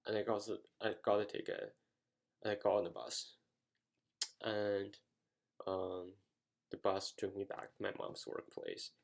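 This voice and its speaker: A young man from the United States tells a story in a casual vlog and rambles, filling gaps with "like." His voice sits fairly low, with a creaky, gravelly texture. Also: animated, unhurried, pauses often. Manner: rambling, heavy use of "like" fillers. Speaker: vlogger.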